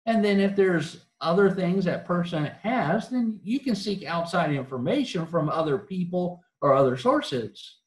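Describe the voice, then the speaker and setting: Earnest preacher, higher voice, echoey church. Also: male voice, lively intonation, unhurried, few pauses. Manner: earnest, questioning, with frequent restarts and fillers. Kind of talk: sermon. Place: church auditorium.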